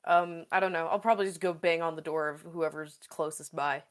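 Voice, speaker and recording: Her voice sits low and steady as she talks fairly quickly, playing in a tabletop roleplaying game. The woman's casual, improvised chatter comes out hesitant and rambling.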